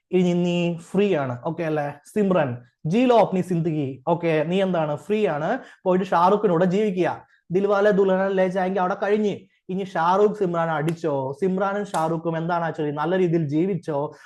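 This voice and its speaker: Lecturing informally as though in a classroom, this exam coach speaks with a Malayali accent and a slightly high, darkish voice. He often asks rhetorical questions, checks whether everyone understands, and drops in English terms.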